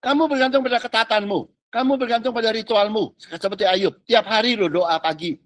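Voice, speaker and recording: A man's voice: high-pitched, fairly quick, fairly bright tone, no room sound. A male pastor preaching casually, with slang and rhetorical questions, slipping in English phrases. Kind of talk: sermon.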